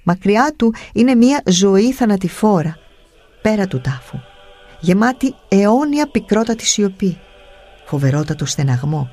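A solemn male monk, gentle and unshakable, preaches in a slow, measured voice that sits a little high, as a male narrator gives him voice. Faint music runs underneath the storybook telling. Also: big pitch swings, no echo.

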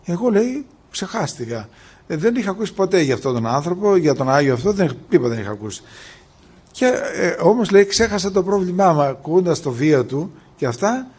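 A man with a somewhat high voice tells religious stories of miracles. He keeps pointing back to who said each thing and quotes people as he goes. He often stops and restarts his sentences. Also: breathy edge. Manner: animated retelling, constantly repeating "he says", acting out quoted dialogue. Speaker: storyteller recounting miracles. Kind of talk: religious storytelling talk.

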